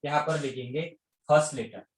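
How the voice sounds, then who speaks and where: Male teacher, slightly high pitch, call-and-response lecturing style, echoey room audio. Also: fairly even intonation, fairly quick. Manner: keeps quizzing students with repeated questions. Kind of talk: online class lecture.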